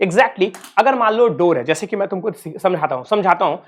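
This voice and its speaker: A man's voice: high-pitched, lively intonation, fairly quick. A man from Uttar Pradesh, India, teaching a physics lesson online in a playful, teasing way and calling his students kids. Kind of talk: online exam-prep lecture.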